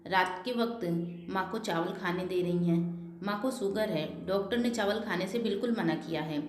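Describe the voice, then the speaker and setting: A woman's voice: mid-range voice, normal speed, faint music behind, close to an everyday voice. Woman doing a caring daughter, earnest and firm, echoey. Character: caring grown daughter, firm but polite.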